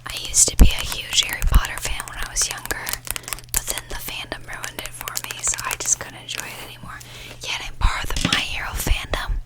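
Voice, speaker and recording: A woman whispers in a breathy voice, chatting in a casual, rambling, slangy way for ASMR. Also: a little fast, low-quality recording. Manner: informal, slangy, sweary, rambling. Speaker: ASMR video host. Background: nail tapping and page fluttering.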